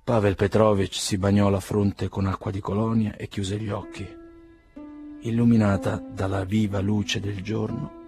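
A man reading a novel aloud as an audiobook narrator, in a calm, measured way. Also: fairly low pitch, over music. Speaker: audiobook reader. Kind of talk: scripted narration.

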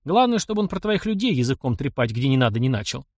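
A man's voice: medium pitch, big pitch swings, quick pace, a little mellow, no room sound. A man reading the part of a weary middle-aged captain with a dry, mocking manner. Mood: wry.

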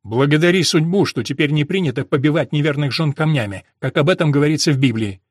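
A man's voice: a little high, quick pace, no room sound, studio quality, lightly acted. A man voicing a stern, self-righteous husband, cold and reproachful, who lectures his wife.

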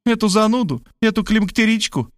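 A man reading aloud and voicing a brash, cheeky young woman who chatters in a high voice. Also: expressive, fairly quick, no room sound, studio quality.

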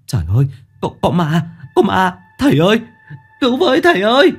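A man's voice: medium pitch, lively intonation, moderate pace, natural voice. A man voicing a timid young male disciple who stammers and panics. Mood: terrified.

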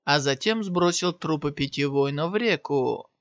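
A man reads a fantasy novel aloud as steady, even narration in a fairly high voice. The recording is dry and slightly dull, with no room sound. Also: normal speed, no room sound. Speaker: audiobook reader. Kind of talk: scripted narration.

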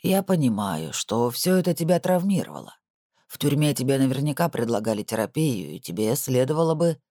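A man's voice: mid-range voice, very animated, brisk, warm tone, dry recording, studio quality. A man voicing a smug, wealthy middle-aged former crook who mocks and dismisses the people he talks to. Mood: dismissive.

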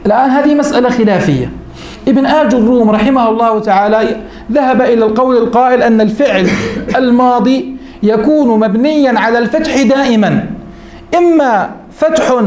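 A man teaching a grammar lesson as a sheikh. He asks his students questions, answers them himself and repeats each rule slowly. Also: extremely high pitch, a little mellow, echoey room. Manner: repeats rules slowly for emphasis.

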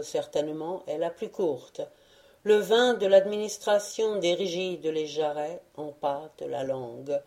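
A woman narrating a literary audiobook with a low, dark voice. She reads slowly and with measured care, letting each phrase settle before going on. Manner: measured, unhurried reading. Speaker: audiobook reader.

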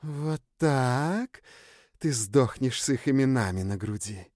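A man's voice: medium pitch, lively intonation, slow, a little mellow, dry recording, studio quality, voice pushed up. A man voicing a vengeful, cruel, commanding woman who gloats and gives orders. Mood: gloating. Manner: menacing, domineering orders.

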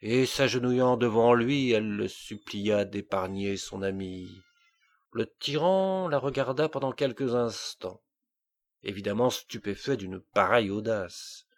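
Man, audiobook narrator, low pitch, very slow, measured storytelling. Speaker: audiobook reader.

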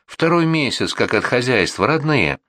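A man voicing a frightened peasant sledge driver who begs in a high, womanish, imploring voice. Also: big pitch swings, moderate pace, fairly bright tone, no room sound, studio quality. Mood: pleading. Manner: wailing, imploring.

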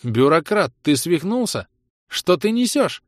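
A man's voice: high-pitched, big pitch swings, a little slow, no echo, studio quality, voice pushed up. A man reading the part of a normally cold woman scientist who snaps orders and curses. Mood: indignant. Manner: sharp, cursing, shouting orders. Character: usually cold female scientist, now furious.

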